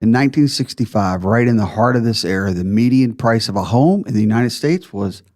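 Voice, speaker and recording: A man's voice: on the low side, expressive, a little fast, a little mellow. A man hosting a retirement planning podcast, explaining figures step by step with emphasis.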